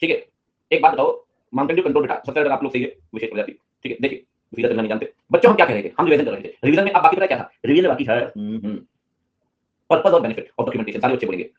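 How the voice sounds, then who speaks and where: A man's voice: medium pitch, lively intonation, rapid-fire, lo-fi sound. A man teaching a live online class, joking and teasing his students between points.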